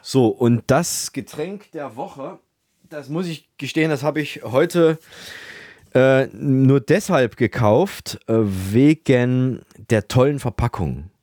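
A man hosting a comedy podcast, rambling and hesitant with many fillers, in a deadpan tone. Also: medium pitch, slow, no room sound, clean studio sound. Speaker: podcast host.

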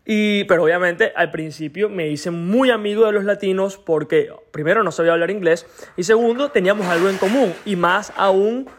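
A man's voice: high voice, normal speed. A man in his thirties hosting a podcast, telling a story in a chatty way and often checking in with the listener. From Venezuela. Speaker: podcast host. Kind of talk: casual podcast monologue.

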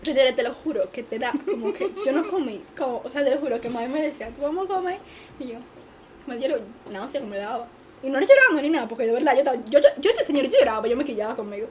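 A woman co-hosting a casual chat, talking rapidly and emphatically. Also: high-pitched, lively intonation, a little mellow, a little hiss or hum. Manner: rapid, emphatic, swears "te lo juro".

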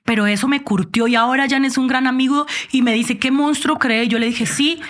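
A woman's voice: on the high side, fast. A woman in her thirties, born in Miami and raised in Colombia, talking expressively as a guest in an interview. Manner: animated, expressive storytelling with frequent "o sea". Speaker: guest, TV host and actress. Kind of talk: casual interview chat.

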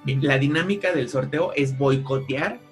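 Young Mexican man, lively storyteller, faint music under the voice. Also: a little slow. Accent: Mexican Spanish. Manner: animated, jumps high when quoting relatives. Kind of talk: casual storytelling chat.

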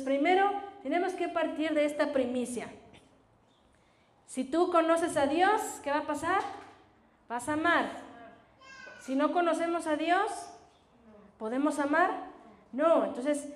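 A woman with a high voice gives a Bible teaching talk at an unhurried pace. She often poses questions and answers them herself, dropping in "ajá" again and again. The recording is roomy and echoey. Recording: roomy echo.

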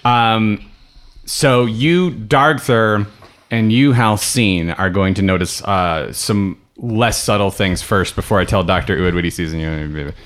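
A man with a somewhat low voice narrates a tabletop game as its game master. He talks loosely, drifting through fillers and restarts as he sets the scene and calls for rolls. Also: slow, a bit bright.

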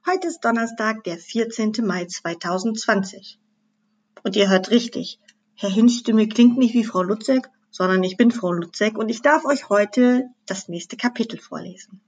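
A woman teacher reading a children's book aloud to her class in a lively storytelling manner. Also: fairly high pitch, moderate pace, breathy edge.

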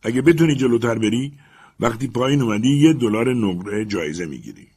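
A man voicing an excitable, obsessed master who shouts urgent commands up a tree. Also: medium pitch, husky. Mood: urgent, commanding.

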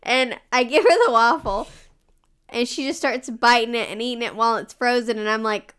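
A young woman co-hosting a podcast, chatting casually and acting out her toddler's voice in high squeals as she tells family stories. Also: moderate pace, a bit bright, clean tone. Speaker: podcast co-host. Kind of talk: casual chat.

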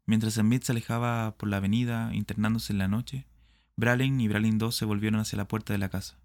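A man reads a short story aloud with a deep, gravelly voice. His delivery is measured and dramatic, in the manner of audiobook narration. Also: fairly even intonation, darkish tone, no room sound, clean studio sound.

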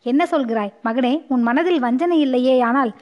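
A woman's voice: high voice, normal speed, lightly acted. A woman reading the lines of a proud, grieving queen mother in an audiobook story, delivered in a scolding, impassioned manner. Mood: reproachful.

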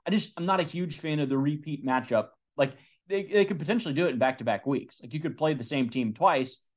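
A man's voice: fairly high pitch, brisk. A young man co-hosting a college football podcast, talking casually with lots of fillers and restarts. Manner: animated, many fillers and restarts. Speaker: podcast co-host. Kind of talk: casual sports talk.

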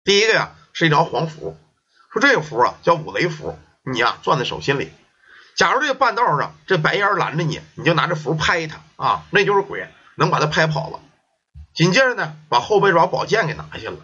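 Lively storyteller man. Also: on the high side, brisk, husky. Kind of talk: folk ghost story narration. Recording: dull lo-fi recording.

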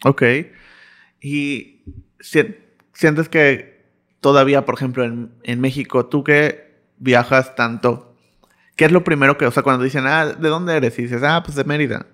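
A man's voice: mid-range voice, fairly even intonation, a little slow, pauses often, fairly bright tone. A man interviewing a guest in casual chat, giving many short affirmations and asking long, rambling questions.

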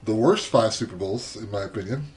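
A man co-hosting a casual sports podcast, relaxed and hesitant with many filler sounds as he runs through a list. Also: fairly low pitch, a little fast, a crowd in the background. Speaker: podcast co-host.

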